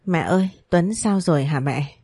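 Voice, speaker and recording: A young working woman, worried for her sick brother, pleads urgently and politely, as a woman reading the story voices her. Her tone is mellow and fairly low. The recording is dry and close. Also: moderate pace, breathy edge, no room sound. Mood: pleading. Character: desperate young woman worker, pleading daughter.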